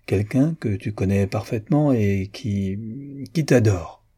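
A man reading an audiobook and voicing an anxious, loving mother who pleads softly. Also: on the low side, slow, breathy edge. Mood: timid. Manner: soft, pleading, gently raised.

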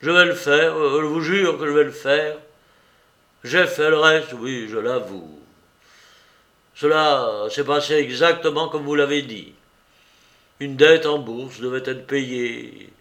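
A man voicing a desperate, cornered male army colonel who pleads his innocence in loud, breaking protests, in a slowly read storybook. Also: medium pitch.

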